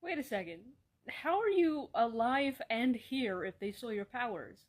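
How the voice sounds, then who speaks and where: A woman acting out comedy sketches, swearing casually and bantering in a deadpan way. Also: on the high side, moderate pace. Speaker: sketch comedy creator playing all roles.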